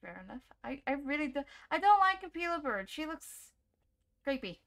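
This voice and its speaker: A woman's voice: high voice, big pitch swings, normal speed, gravelly. A woman giving casual let's-play commentary, jumpy and chatty, laughing often and talking to the game as she plays. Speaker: gaming YouTuber.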